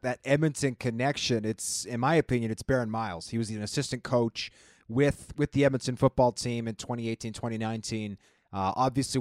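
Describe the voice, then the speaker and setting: A male co-host of a sports talk show speaking in a casual, conversational way. He often repeats a word or two as he gets going. His voice sits at a middle pitch, and the recording sounds dry and close. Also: a little mellow, no echo. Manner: conversational, repeats words when starting a thought.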